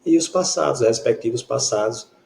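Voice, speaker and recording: A man's voice: mid-range voice, moderate pace, vocal fry, darkish tone, slight background noise. A man teaching an English grammar lesson in Portuguese with a Brazilian accent, explaining patiently and often checking that students follow.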